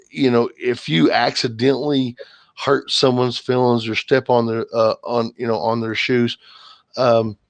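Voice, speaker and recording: A man's voice: medium pitch, gravelly, no echo. A man hosting a livestream, talking casually and rambling, with lots of fillers and restarts. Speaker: livestream host. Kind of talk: casual chat.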